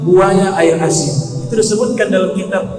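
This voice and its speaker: High-voiced preacher in an echoey hall. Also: male voice, moderate pace, darkish tone. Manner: storytelling, chanting Arabic phrases, voice rising in emotional passages. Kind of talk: sermon.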